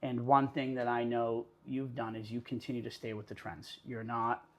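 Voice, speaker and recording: Upbeat interview host, man, mid-pitched, friendly run-on phrasing. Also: normal speed. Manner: upbeat, flattering, talks in long run-on lists. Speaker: podcast host. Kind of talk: conversational interview.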